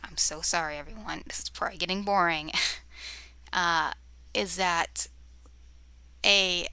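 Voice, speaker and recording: A young woman tells ghost stories in a loose, rambling way, full of fillers and sudden dips into a whisper. Her voice is bright with a gravelly edge. She records on a cheap camera mic in her room at home. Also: fairly low pitch, no room sound. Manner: rambling, many fillers, often drops to a whisper; easily distracted, talks to her cat. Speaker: vlogger. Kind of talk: casual storytelling to camera. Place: bedroom near a road, windows open.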